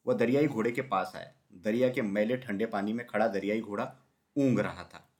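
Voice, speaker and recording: A man reading a children's story aloud with expressive, lively narration. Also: lowish voice, moderate pace.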